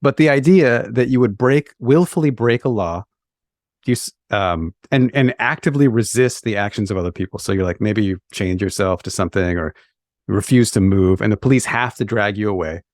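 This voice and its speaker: A man's voice: on the low side, brisk, dry recording, clean studio sound. A man hosting an interview podcast, summarizing and explaining his guest's point. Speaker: podcast host. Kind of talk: conversational interviewing.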